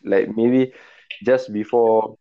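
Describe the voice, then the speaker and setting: A man's voice: on the low side, fairly even intonation, slow pace, dull audio, a crowd in the background. A man with a Singaporean accent chatting casually about football as a co-host, in Singlish that switches between English and Malay.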